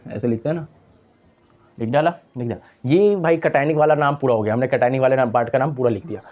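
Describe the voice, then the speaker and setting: A man's voice: mid-range voice, fairly quick, a little mellow. Casual Hindi-speaking man teaching chemistry. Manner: casual, repeats key terms, asks and answers own questions. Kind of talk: online lecture.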